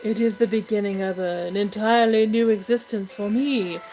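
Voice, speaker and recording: A woman playing a lovestruck, impulsive young gentleman suitor in a comic stage play, with halting, effusive declamation. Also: mid-range voice, fairly even intonation, soft background music, natural voice, rough recording. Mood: passionate.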